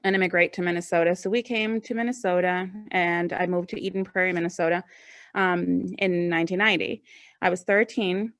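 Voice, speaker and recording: A woman's voice: on the low side, a bit bright, dry recording, clean studio sound. A woman in her forties from Ecuador telling her own story as a forum panelist, chatty with frequent ums and restarts. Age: 40s. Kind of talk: personal storytelling.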